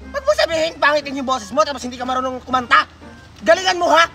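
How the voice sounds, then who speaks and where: A bossy woman barks and scolds as she hands out Christmas gifts, as a performer puts her on. Her voice sits high and sharp and swoops widely between jeers and praise. Music plays behind her in this comedy skit. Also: sing-song, quick pace, gravelly, exaggerated voice. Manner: scolding, shouting, blunt insults. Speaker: gift giver.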